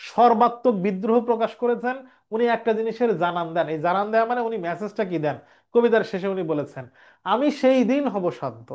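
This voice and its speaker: Male tutor, high voice, quizzes then answers himself, dull lo-fi recording. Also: a little mellow. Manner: explains step by step, asks and answers own questions. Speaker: Bengali language teacher. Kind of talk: exam revision lecture.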